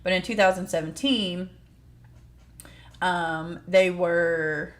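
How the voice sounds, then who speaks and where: Woman, lowish pitch, very slow pace, plain-spoken, explanatory, informal court news commentary. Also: fairly even intonation. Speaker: host of a true crime case commentary show.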